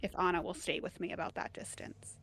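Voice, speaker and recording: A woman's voice: on the low side, little pitch movement, fairly quick, a bit bright, a little hiss or hum. A woman playing a tabletop game, talking casually about what her character does. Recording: music playing behind.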